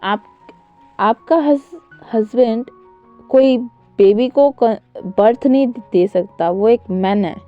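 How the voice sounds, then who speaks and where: A woman's voice: on the high side, slow, dull audio, faint music behind. A woman voicing a scheming older man who talks persuasively, pushing his daughter's marriage. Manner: persuasive, wheedling argument.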